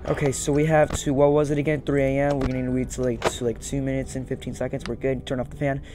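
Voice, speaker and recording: With game music behind him, a young man commentates casually on his gameplay for a video, recorded in a small room at home, and keeps repeating short phrases to himself. His voice sits in the mid range, with little pitch movement and a quick pace.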